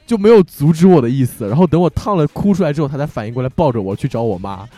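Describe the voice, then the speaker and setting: A man's voice: fairly high pitch, racing, no room sound, faint music behind. A young man hosting an audio show, telling funny stories in casual chat and laughing often. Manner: animated storyteller who laughs often. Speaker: show host.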